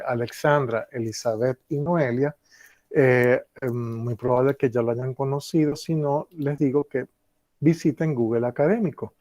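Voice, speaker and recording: A man's voice: medium pitch, darkish tone, no echo. A man teaching an online university class, explaining with many fillers and repeating key phrases. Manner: stresses key phrases, asks students "¿Ok?" and "¿Lo ven?". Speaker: university lecturer. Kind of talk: online class lecture with screen share.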